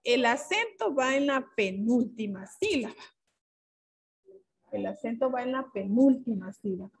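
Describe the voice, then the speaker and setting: Patient woman teacher, slightly high voice. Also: expressive, measured pace, vocal fry, breathy edge, low-quality recording. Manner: patient, explanatory, checks in with "¿verdad?" and "¿sí?". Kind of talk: classroom grammar lesson.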